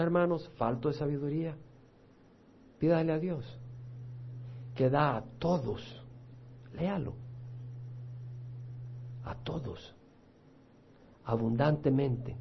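A man pastor teaching a Bible study sermon, retelling scripture with animated storytelling that rises loud and drops soft. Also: fairly high pitch, creaky, slight background noise. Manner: animated storytelling, rising loud for quoted voices, dropping soft for teaching points. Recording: dull lo-fi recording.

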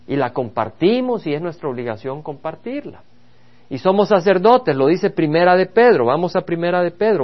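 A man's voice: a little high, highs cut off. A man, a pastor, leading a Bible study sermon, reading scripture aloud and preaching with rising emphasis.

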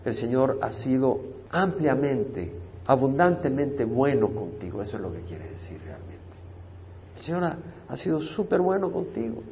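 A male pastor giving a Bible study sermon, reading scripture out loud, then dropping to soft asides, and explaining Hebrew words with English glosses. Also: medium pitch, sing-song, normal speed, gravelly, dull audio, a little hiss or hum.

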